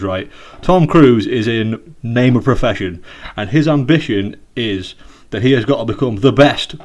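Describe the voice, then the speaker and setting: This is a British man talking over a video call in a loose, rambling podcast chat. His voice sits at an ordinary middle pitch. He keeps joking and lets his sentences sink into mumbles at the end. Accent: British English. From Britain. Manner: rambling, jokey, trails off quietly at the ends of points. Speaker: podcast co-host.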